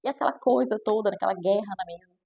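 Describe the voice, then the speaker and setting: A Brazilian Portuguese-accented woman, a child nutritionist, speaks casually and reflectively to camera in a medium-pitched, quick, mellow, husky voice with vocal fry. She's chatty, tossing in frequent "né?" tags and acting out quoted parents in shifting voices.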